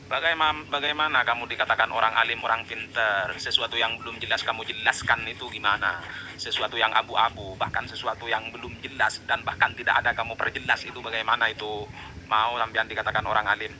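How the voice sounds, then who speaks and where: A man's voice: mid-range voice, level tone, fast. Guy lecturing hard in an online argument, noisy background. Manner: lecturing, forceful, pushes on each point. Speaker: livestream debater. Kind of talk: heated online debate.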